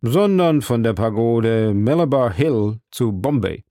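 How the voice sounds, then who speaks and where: A man voicing a slow, pompous older male judge in a storybook reading, speaking in a deliberate way. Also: medium pitch, expressive, warm tone, no room sound, studio quality. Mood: officious. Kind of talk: audiobook character voice.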